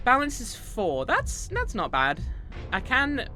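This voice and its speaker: A man's voice: extremely high pitch, wildly swooping pitch, slow pace, sharp tone, soft background music. A man game streamer giving casual commentary, thinking aloud as he plays.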